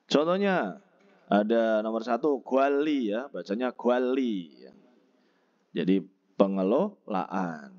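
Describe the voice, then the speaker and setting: A man teaching a textbook vocabulary lesson, slowly explaining and repeating each word and its pronunciation. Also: on the low side, darkish tone, muffled recording. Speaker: Korean language teacher.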